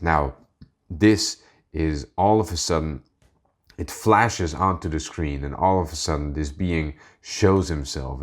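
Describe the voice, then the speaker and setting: A male host giving measured, explanatory commentary on video clips. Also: low-pitched.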